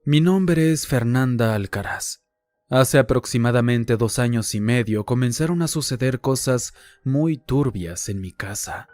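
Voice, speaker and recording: A man narrates real-life horror accounts in a measured, hushed delivery. His voice sits at an ordinary middle pitch, and faint music plays underneath. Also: lively intonation, no echo. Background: faint background music.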